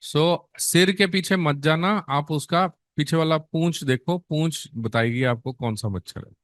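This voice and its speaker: A man's voice: a little high, a little slow, dry recording, clean studio sound. A middle-aged man teaching a nursing exam class, quizzing students in Hindi mixed with English and answering his own questions in a coaxing tone. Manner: coaxing, quizzes students and answers himself, calls them beta.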